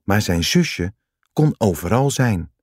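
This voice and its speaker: A man reading a story aloud in calm, measured scripted narration. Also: on the low side, breathy edge, no echo, clean studio sound.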